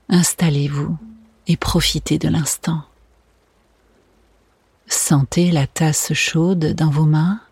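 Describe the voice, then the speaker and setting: A meditation guide speaks very slowly in a soft spa whisper. The voice is extremely breathy and hushed, soothing throughout, and sounds close and dry, with almost no room around it. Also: mid-range voice, no echo.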